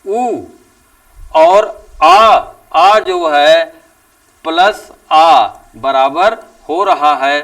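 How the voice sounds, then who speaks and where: A male teacher giving a classroom lecture, speaking slowly and deliberately and drawing out example sounds with emphatic rises. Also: on the high side, lively intonation, fairly bright tone, far from the mic. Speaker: Hindi teacher.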